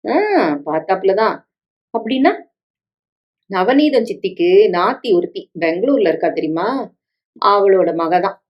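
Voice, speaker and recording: A woman's voice: medium pitch, animated, a little slow, pauses often, lightly acted. Woman reading as a coaxing guilt-tripping stepmother, middle-aged, pushy, dull lo-fi sound. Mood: persuasive. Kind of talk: story reading with dialogue.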